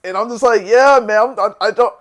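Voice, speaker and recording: A man's voice: sits high, brisk, fairly bright tone. A man casually telling a rambling story, laughing often and swearing freely. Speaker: podcast host.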